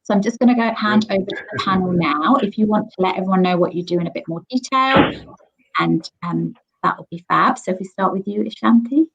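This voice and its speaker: A woman's voice: mid-range voice, fairly quick, gravelly, a bit bright, highs cut off, a little hiss or hum. A woman in her forties hosting a live online panel, chatty and upbeat, with frequent ums, recorded on a computer mic at home. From Sri Lanka, raised in England. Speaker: host.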